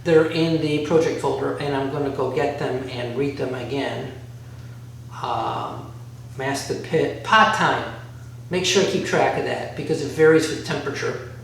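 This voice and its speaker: Speaking at medium pitch with a slightly bright tone, this man is unhurried as he walks through a DIY task, thinking aloud and rambling a little in a casual, instructional way. He's a vlogger in a bare workshop room with a concrete floor beside a garage. The mic is distant, the room is very echoey, and faint noise is audible.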